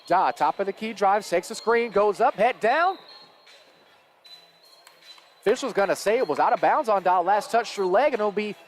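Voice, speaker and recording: A man calling live high school basketball play-by-play, quick and energetic as the action rises. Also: soft background music. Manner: rapid and energetic, rising with the action. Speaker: play-by-play announcer.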